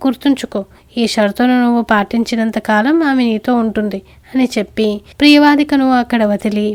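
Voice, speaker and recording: A woman narrating a bedtime story in an even, gentle storytelling manner. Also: on the high side.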